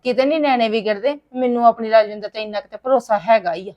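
A woman's voice: a little high, quick pace, dull audio. A woman acting an indignant mother in a family drama. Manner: indignant, protesting. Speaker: actor in a family skit. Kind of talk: scripted Punjabi family drama.

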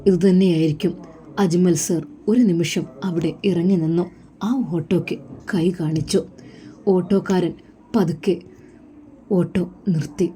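A woman narrating a dramatic story in a measured, emotive way. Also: fairly low pitch, fairly even intonation, warm tone.

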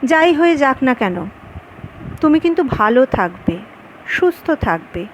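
A woman reading the lines of an earnest grown man in love who is quick to anger, in her own high voice. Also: sing-song, a little hiss or hum, rough recording.

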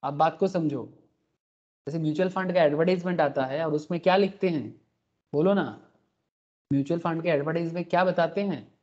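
A man teaches an online class over a recorded meeting call. His voice is mellow and the audio is dull and lo-fi. He keeps asking the students questions and checks that they follow. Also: on the high side, fairly quick, pauses often. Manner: explains with rhetorical questions and frequent checks. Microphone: computer mic on a recorded video call.

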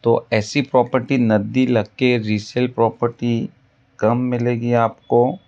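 Man pitching land in a voice-over. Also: little pitch movement, takes it slowly, a little mellow, muffled recording. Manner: pitchy, repetitive salesman patter. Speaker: land broker. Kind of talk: property sales voice-over. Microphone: voice-over over drone footage.

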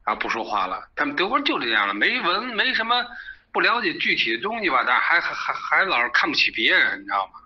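A man's voice: fairly high pitch, big pitch swings, quick pace, pushed and bright, breathy edge, highs cut off. A middle-aged man, arguing animatedly as an interview guest and often asking "you know?". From China. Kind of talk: casual opinionated chat.

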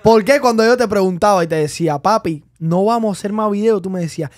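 A Cuban man with a high voice tells stories in a rush. He is animated and familiar, and he keeps calling his friends "papi" and "mijo" in a casual podcast talk. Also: quick pace. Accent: Cuban Spanish. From Cuba. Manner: animated storytelling, calls others "papi" and "mijo". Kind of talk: casual chat.

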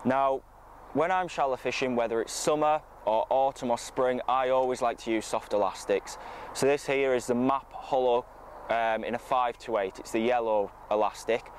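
With a mid-range voice at normal speed, a fishing coach explains things to camera in an informal, matter-of-fact tutorial. He's standing outdoors on a lakeside bank, and ambient outdoor noise is present.

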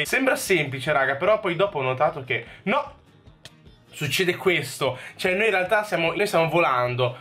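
A young man with an Italian accent commentating his own video game play, excitable, swearing and talking to himself. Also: a little high. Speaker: gaming YouTuber. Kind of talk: Minecraft parkour gameplay commentary.

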